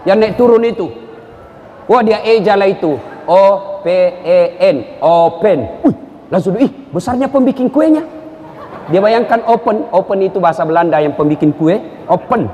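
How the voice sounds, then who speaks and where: High-pitched, animated man preaching. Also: moderate pace. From South Sulawesi, Indonesia. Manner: animated storyteller, acts out characters, jumps between high and low pitch. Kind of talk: humorous sermon with anecdotes. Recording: hall reverb, faint noise.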